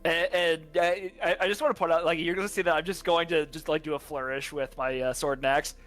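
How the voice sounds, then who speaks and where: A man's voice: on the high side, steady tone, brisk, a bit bright, faint music behind. A man chatting casually as a tabletop game player, phrasing things in a rambling, tentative way.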